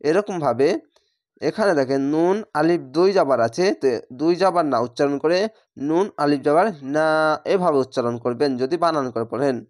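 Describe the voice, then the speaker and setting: A man with a Bangladeshi Bengali accent teaching spelled-out Quran reading, drawing words out slowly between explanations. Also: fairly high pitch, darkish tone, dry recording, clean studio sound. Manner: slow drawn-out recitation of words between explanations.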